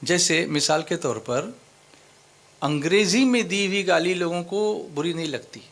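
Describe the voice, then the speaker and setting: A man's voice: on the high side, lively intonation, fairly bright tone. A man preaching at a religious gathering. He explains things step by step, quizzes the audience, repeats phrases for emphasis and mixes English words into his speech. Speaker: Islamic preacher. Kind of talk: sermon lecture to a gathering.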